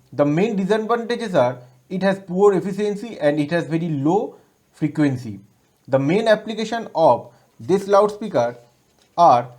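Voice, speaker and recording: Speaking with an Indian accent, a man presents a scripted electronics lesson in formal, recited textbook fashion. His voice sits high yet has a darkish tone, fitting this scripted teaching presentation.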